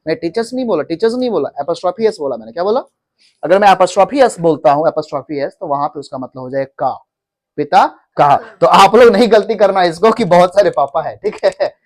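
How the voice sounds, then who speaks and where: This Indian-accented English teacher speaks fairly quickly, his high, a little mellow voice full of lively intonation. During the lesson he asks questions, mixes Hindi with English, and has the class repeat after him.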